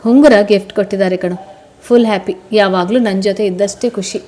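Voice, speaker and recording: A woman's voice: mid-range voice, fairly even intonation, fairly quick, mellow, slight background noise, natural voice. A woman voicing a cheerful young bride-to-be who talks in a sweet, chatty way.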